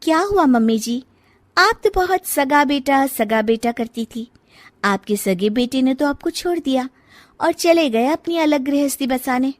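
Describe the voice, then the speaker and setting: High-pitched outspoken young daughter-in-law played by a woman. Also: expressive, unhurried, no room sound, studio quality. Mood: taunting. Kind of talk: cartoon story character dialogue.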